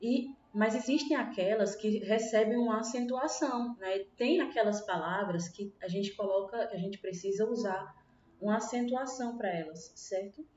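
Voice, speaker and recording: A woman's voice: mid-range voice, normal speed, a little mellow. A woman with a Brazilian Portuguese accent teaching a primary school class online, patiently checking in with her pupils as she explains. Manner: patient, checks in with frequent tag questions. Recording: roomy, distant, dull lo-fi with faint hiss.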